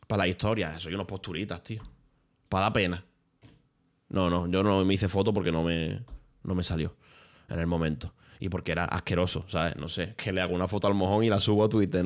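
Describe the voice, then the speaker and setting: A young man, streaming and telling stories in casual chat, full of slang and swearing. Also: lowish voice. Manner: animated storytelling with lots of slang and swearing.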